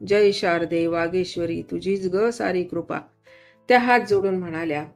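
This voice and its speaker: Expressive woman reading a story aloud. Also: normal speed, faint music behind. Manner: expressive, voices each character with shifting pitch and loudness.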